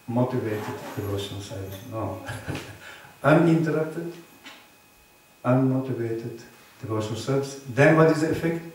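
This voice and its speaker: A man's voice: mid-range voice, a little mellow, a little hiss or hum. A man giving an earnest sermon on scripture in a temple, quizzing his listeners with short tag questions. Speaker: temple preacher. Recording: very echoey hall, distant mic.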